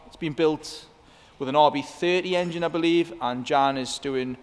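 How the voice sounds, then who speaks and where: A man's voice: fairly high pitch, moderate pace, clear, resonant tone. A man hosting a casual walk-around vlog inside a car workshop, chatting with the mechanics. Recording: echoey workshop hall with faint background noise.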